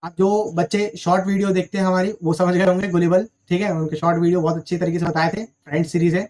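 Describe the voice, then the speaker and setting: Moving at a quick pace, a young man delivers a recorded exam vocabulary lesson in a flat, high, slightly mellow voice. Every word gets a rhetorical-question explanation, and he checks in after almost each line.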